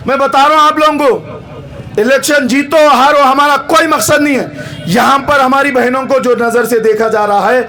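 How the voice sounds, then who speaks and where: A man with a Hyderabadi accent giving a fervent, repetitive campaign rally speech, often shouting. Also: very high-pitched, steady tone, normal speed. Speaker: political campaign speaker.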